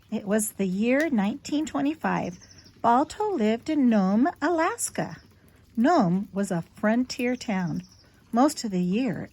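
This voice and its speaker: A woman with a slightly high voice reads a children's picture book aloud, expressive and teacherly, adding simple asides for young listeners.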